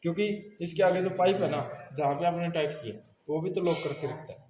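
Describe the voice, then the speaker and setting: A man's voice: fairly high pitch, a little fast, a little mellow. A man demonstrating car repair step by step in a workshop class, often checking in with his students. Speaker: auto mechanic instructor. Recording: echoey room with crowd noise.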